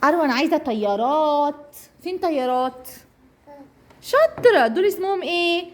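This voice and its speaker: A woman with an Egyptian accent leading a children's speech lesson, praising often and drawing out key words as she repeats them. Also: high voice. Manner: slow drawn-out repetition of target words. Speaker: speech therapist teaching young children. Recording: noisy room recording.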